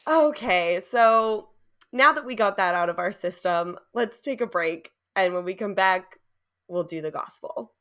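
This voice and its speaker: Woman podcast cohost, chatty and giggly, middle pitch, keeps cracking up. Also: unhurried, fairly bright tone. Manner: giggly, laughs a lot between words. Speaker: podcast co-host. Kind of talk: casual podcast chat and episode recap.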